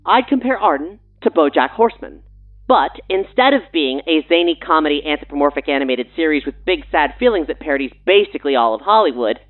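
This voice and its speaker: Playful, breezy, and a bit pushy, a guest showrunner and writer trades casual promotional banter on a mock radio show. Her low voice comes through narrow, tinny audio.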